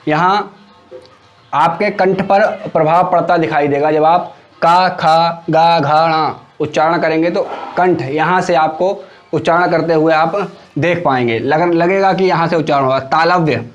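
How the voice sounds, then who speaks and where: A man's voice: on the high side, highs cut off. A man teaching an exam-prep grammar lesson. He explains step by step and repeats each syllable aloud for students to copy.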